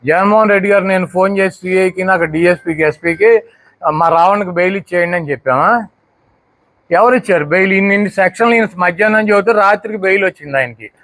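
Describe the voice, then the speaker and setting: Man firing rhetorical questions, high-pitched. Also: fast talker, a bit bright, dry recording. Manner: rhetorical, fires repeated questions. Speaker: politician speaking to the press. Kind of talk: combative press statement.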